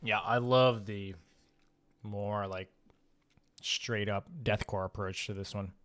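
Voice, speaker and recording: A man streaming live and chatting casually about songs, relaxed and rambling with lots of fillers and restarts. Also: on the low side, slow. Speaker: streamer reacting to music. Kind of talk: casual livestream chat. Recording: loud music playing behind the voice.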